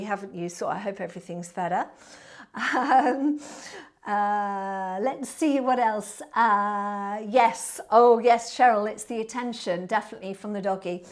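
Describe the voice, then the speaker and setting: A woman with a southern English accent chatting casually to viewers as a Pilates instructor, in a warm, friendly, chatty manner. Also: medium pitch, measured pace. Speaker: Pilates instructor and online class host. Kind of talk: casual livestream chat to viewers. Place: indoor studio.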